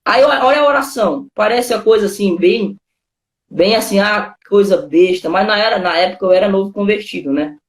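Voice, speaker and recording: A man's voice: high voice, brisk, roomy sound, a little hiss or hum. A man with a Brazilian accent, a pastor, telling his testimony in a casual conversation, full of informal fillers. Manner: informal storytelling, constant "cara" and "né" fillers.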